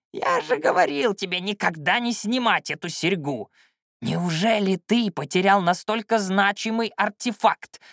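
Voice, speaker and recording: A creaky, yelling old shaman. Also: high voice, no echo, studio quality, pitched above the performer's own voice, full character voice. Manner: yelling, scolding. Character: scrawny old male shaman, cantankerous and loud. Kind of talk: audiobook character voice.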